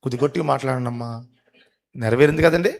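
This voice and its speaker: A man preaching a live sermon to a congregation, questioning the crowd, urging loud replies and rising to emphatic, drawn-out peaks. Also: mid-range voice, creaky. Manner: rises to emphatic, drawn-out climaxes. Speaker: pastor. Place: church service before a congregation.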